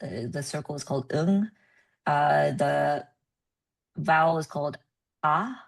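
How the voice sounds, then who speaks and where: A woman presenting at a research meeting, explaining with many ums and pauses. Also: deep voice, flat delivery, gravelly. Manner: hesitant, many ums and uhs.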